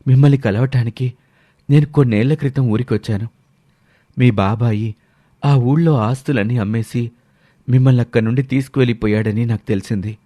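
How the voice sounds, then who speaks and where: A man's voice: mid-range voice, mellow, no echo, natural voice. Casual one: guy playing a loyal devoted friend in a story, earnest and respectful, dry close sound. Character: loyal, devoted young man, grateful old friend. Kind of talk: storybook voice acting.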